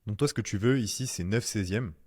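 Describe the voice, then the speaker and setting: A man's voice: on the low side, a little fast, darkish tone, breathy edge, no echo, clean studio sound. A man giving a casual screen-recorded tutorial in French, chatty and slangy, talking straight to the viewer as "tu". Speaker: online course instructor.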